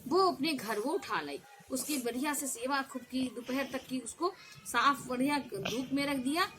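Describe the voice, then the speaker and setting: A woman telling a children's folk tale in an animated way, with sound effects and acted voices. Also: sits high, normal speed. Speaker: storyteller.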